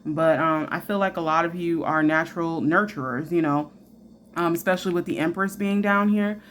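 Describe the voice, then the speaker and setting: A woman gives a casual tarot reading in a chatty, frank voice, full of fillers and asides. Her voice sits on the low side. A faint background noise runs under her speech. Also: steady tone, moderate pace, fairly bright tone. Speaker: tarot reader.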